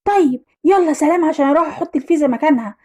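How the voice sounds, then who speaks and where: Lady doing a sneaky egyptian kid, excited gamer, squeaky and fast. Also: close to an everyday voice.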